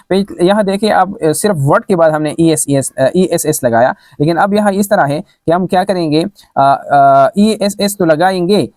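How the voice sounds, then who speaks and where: Male grammar teacher, slightly high voice, dry close mic, spells words letter by letter with frequent fillers. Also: darkish tone, no echo. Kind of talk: explaining a grammar lesson.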